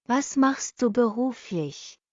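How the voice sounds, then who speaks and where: Very slow woman reading practice phrases. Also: a little high, expressive, dark tone, no room sound. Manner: reads each sentence twice, very slowly and evenly. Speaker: language lesson reader. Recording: dull lo-fi dry recording.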